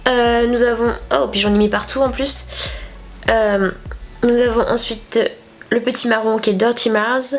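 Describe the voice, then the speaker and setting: A young woman from France, a beauty vlogger, walks viewers through a makeup tutorial in a casual, rambling way packed with fillers. Her cold leaves her nose blocked and her voice nasal. The voice is on the high side and steady in tone, delivered a little slowly.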